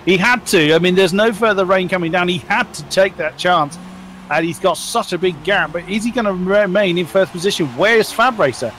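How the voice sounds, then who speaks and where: A man's voice: high-pitched, moderate pace, a crowd in the background. A man commentating live on a car race as a motorsport commentator, exclaiming and reacting to the action on track.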